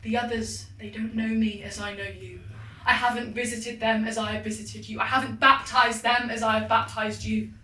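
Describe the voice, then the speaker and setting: A woman's voice: fairly high pitch, flat delivery, moderate pace, pushed and bright, distant mic. A woman playing a menacing goddess who haunts dreams in a theatrical drama, taunting and commanding as if chanting a spell. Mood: grand, incantatory. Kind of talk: theatrical stage acting. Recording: echoey hall from afar, faint noise.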